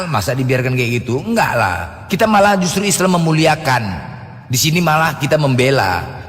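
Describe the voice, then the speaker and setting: A man's voice: mid-range voice, a bit bright, big-room sound. A man preaching in a casual, teasing way, throwing out rhetorical questions and answering them himself. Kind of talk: casual religious talk.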